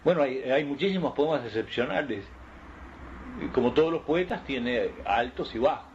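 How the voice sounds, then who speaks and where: A man telling a personal anecdote in an interview, unhurried and reminiscing. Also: mid-range voice, lively intonation, darkish tone. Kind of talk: anecdotal storytelling. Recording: dull archive recording with faint hiss.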